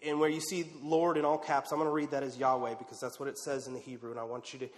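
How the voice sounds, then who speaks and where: A man's voice: medium pitch, little pitch movement, quick pace. Man preaching in a reverberant church hall. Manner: dramatic, drops to a hush for quiet moments. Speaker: pastor. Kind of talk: sermon. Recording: long reverb of a large hall.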